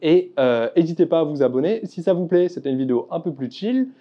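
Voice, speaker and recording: A man's voice: a little high, animated, fast talker. A man hosting a casual ranking video, talking in a laid-back, candid way with frank asides. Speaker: language YouTuber. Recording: dull lo-fi sound.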